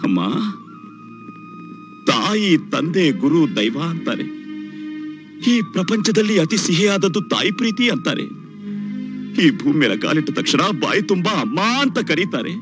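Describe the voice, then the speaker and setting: A man's voice: fairly high pitch, very animated, measured pace, pauses often. An actor playing a grown son who speaks to his mother, turning from tender to bitter and pleading, in film melodrama dialogue with music underneath. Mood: bitter reproach. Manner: emotional, swings from tender to bitter reproach.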